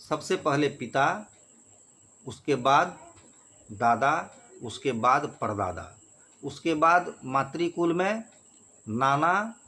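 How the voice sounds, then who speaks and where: A man explaining a ritual step by step, slowly chanting Sanskrit mantras between plain instructions. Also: mid-range voice, fairly bright tone, a little hiss or hum. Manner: slow repeated chanting, then plain explaining.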